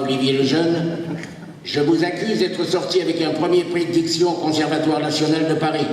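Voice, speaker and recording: A man's voice: fairly high pitch, a little mellow. Man giving a tribute speech in an echoey hall. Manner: reads from a paper, stumbles and restarts, chuckles between lines. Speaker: speaker inducting a new academy member. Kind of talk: humorous ceremonial tribute speech. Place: reception hall at a ceremony. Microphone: handheld camera from the audience. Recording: echoey hall filmed from far off.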